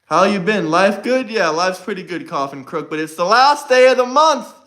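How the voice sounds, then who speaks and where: Young guy streaming, brash, says stuff twice, real high bright voice. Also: lively intonation, moderate pace. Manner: brash, repetitive, talks straight to chat. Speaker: livestream host. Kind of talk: casual livestream chat.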